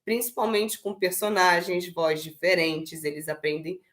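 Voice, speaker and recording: A woman talking through parenting advice, breaking into playful high voices to act out what to say to a child. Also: unhurried, fairly bright tone. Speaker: parenting educator.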